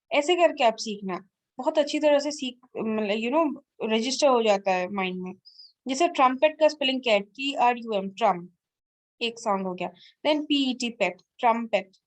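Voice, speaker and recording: A woman with an Indian accent teaching an online lesson, explaining patiently and spelling words out letter by letter. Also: high voice. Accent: Indian English. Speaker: English teacher. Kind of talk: online lesson mixing Hindi and English.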